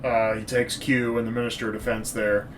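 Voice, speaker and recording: A man's voice: medium pitch, little pitch movement, fairly quick. A man co-hosting a casual movie podcast, running loosely through the plot and putting on silly voices for the lines. His voice sits in a middle register. There's a faint hiss under the recording. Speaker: podcast co-host. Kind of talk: casual movie review chat.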